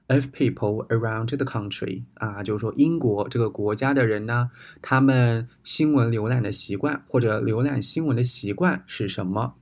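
A native Chinese speaker from China, his mid-range voice somewhat dark in tone, explains an English news text in Chinese. He uses Mandarin to teach English vocabulary, spelling the words out letter by letter.

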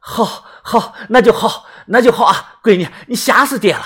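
A gruff middle-aged farmer, voiced by a male storyteller speaks up loudly and protectively for his daughter. His talk is rough and plain, a rural father in an audiobook tale. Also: sits high, animated, moderate pace, pitched above the performer's own voice, full character voice. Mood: relieved. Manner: gruff, agitated.

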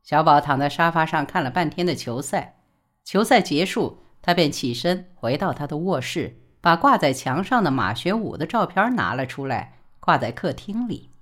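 Expressive woman reading a novel aloud. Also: sits low, moderate pace. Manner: expressive, dramatic storytelling. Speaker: audiobook narrator. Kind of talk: novel audiobook narration.

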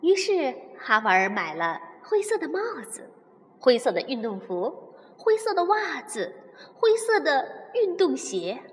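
A woman hosting a bedtime story show and reading a children's story aloud, warm and expressive. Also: sits high, measured pace, slight background noise. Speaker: storyteller host. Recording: long reverb.

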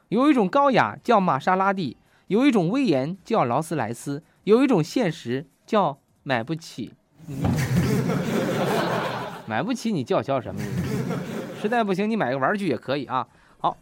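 A man's voice: sits high, no echo. A man hosts a comic radio show, reading jokes and laughing at his own punchlines. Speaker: radio host.

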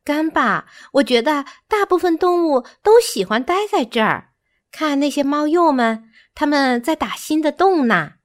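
A wise, careful bird weighs the dangers of the road in a storybook, speaking in a raised voice with a slow, counselling manner, as a woman reading the tale voices him. The pitch rises and falls widely as he explains. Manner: advising, careful. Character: wise cautious bird guide, male.

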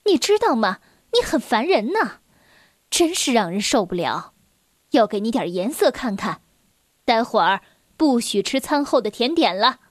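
A woman voicing an exasperated mother scolding her daughter, stern and loud. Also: on the high side, very animated, normal speed, dry recording, clean studio sound, voice pushed down. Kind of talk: children's story reading.

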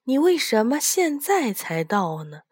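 A woman voicing a kind old male emperor of heaven in a storybook, making slow, grand pronouncements. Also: a little high, very animated, darkish tone, breathy edge, no room sound, clean studio sound, pitched above the performer's own voice, exaggerated voice. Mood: pleased.

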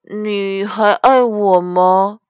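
A woman's voice: medium pitch, fairly even intonation, drawn-out words, clear, resonant tone, no echo, clean studio sound, voice pushed up. A woman voicing a curious little girl bear cub in a storybook, asking question after question in a pleading way.

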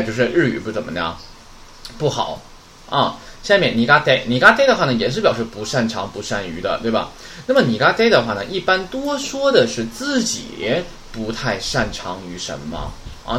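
A man teaching Japanese vocabulary in a chatty way, often asking a question and answering it himself. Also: slight background noise. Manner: chatty, asks rhetorical questions and answers them; lively, swinging pitch. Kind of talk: casual vocabulary lesson.

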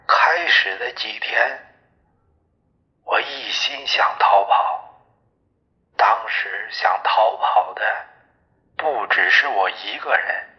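A man narrating a novel in the first person, in a measured storytelling manner. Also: on the low side, dull audio. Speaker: audiobook narrator.

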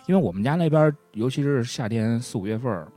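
A man co-hosts a podcast, spinning an anecdote in an animated, chatty way. His voice sits in an ordinary middle register. Soft music plays faintly underneath. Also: medium pitch, quick pace. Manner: chatty, animated anecdote-telling with frequent "you know?". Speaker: podcast co-host. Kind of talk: casual storytelling chat.

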